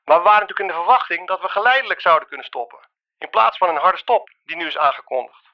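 A man's voice: high-pitched, animated, fast. A man leaving a voicemail message, heard played back over a phone line, reading out a news report in a businesslike manner. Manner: businesslike, reads a report aloud. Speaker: caller. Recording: dull lo-fi phone playback.

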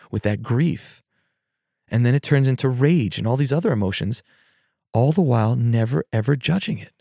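Man, therapist, gravelly voice, warm dark tone, gentle reflective storytelling, dry close sound. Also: mid-range voice, no room sound. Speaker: therapist and podcast host. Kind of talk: reflective mindfulness teaching talk.

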